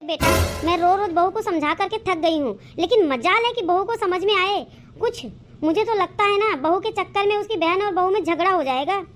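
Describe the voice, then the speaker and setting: A woman's voice: very high-pitched, moderate pace, over music, voice pushed down. Woman doing a weary older mother-in-law. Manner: weary, lamenting.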